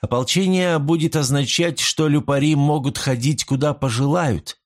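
A man's voice: a little high, moderate pace, voice pushed up, close to an everyday voice. A man voicing a shrewd, sceptical woman who speaks dryly and probingly. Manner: dry, probing. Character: Furia, sharp shrewd woman, dry and sceptical.

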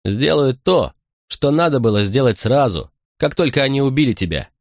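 A man's voice: mid-range voice, expressive, moderate pace, dry recording, clean studio sound, pitched above the performer's own voice, natural voice. A man voicing a mocking, bloodthirsty male guard in an audiobook, his tone jeering and threatening. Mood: gloating menace.

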